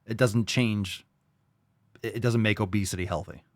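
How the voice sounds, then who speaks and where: A man's voice: lowish voice, steady tone, normal speed. A man giving off-the-cuff reaction commentary in a smug, sarcastic, mocking way, blunt and sweary. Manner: blunt, profane.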